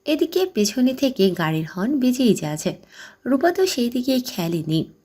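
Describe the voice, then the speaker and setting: A woman narrating a romantic audio story with steady, scripted delivery. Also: on the high side, moderate pace, husky.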